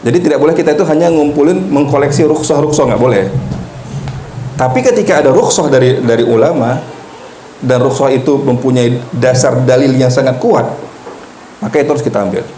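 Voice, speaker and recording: A man's voice: mid-range voice, brisk, mellow. Man lecturing teachers in an echoey room. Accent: Indonesian. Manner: asks the audience questions and answers them himself, jokes. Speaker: Islamic teacher giving a workshop to teachers. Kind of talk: religious lecture. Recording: echoey room with faint noise.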